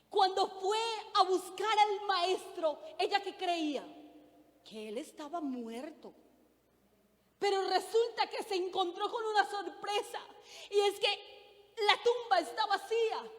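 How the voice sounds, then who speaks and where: A woman's voice: extremely high pitch, animated, slow pace, in a large hall. A middle-aged woman preaching a sermon, earnest, putting questions to the congregation. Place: church.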